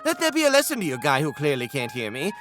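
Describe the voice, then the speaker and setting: A man's voice: fairly high pitch, wildly swooping pitch, fast, fairly bright tone, soft background music. A man voicing a snarky, lecturing cartoon character with a sarcastic, pointed delivery. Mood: smug scolding.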